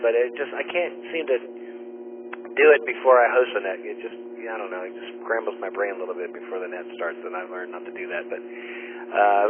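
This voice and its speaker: A man hosting an amateur radio net as net control, chatting in a friendly, teasing way with many fillers, heard over a ham radio transmission. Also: mid-range voice. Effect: ham radio transmission with static. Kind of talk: casual radio chat. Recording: tinny radio with loud static.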